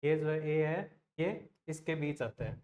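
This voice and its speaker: A man's voice: fairly high pitch, a little mellow, highs cut off. Man teaching, asking and answering himself. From Rajasthan, India. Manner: repeats questions to the class and answers them; slows down to spell out and sound out example words. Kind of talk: exam-prep grammar lesson.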